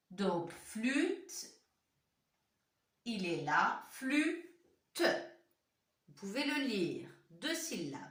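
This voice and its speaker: In a classroom or home room with a whiteboard, a woman who teaches primary school runs a phonics lesson for young children, asking them questions directly. Her voice is a little high and a bit bright, and she goes slowly and clearly, repeating words syllable by syllable. She sits far from the microphone, so the room echo comes through.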